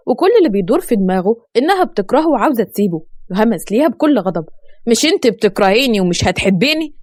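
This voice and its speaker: A woman with an Egyptian accent, hosting her channel and narrating a dramatic story in an emphatic, animated way. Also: mid-range voice, no room sound, studio quality. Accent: Egyptian Arabic.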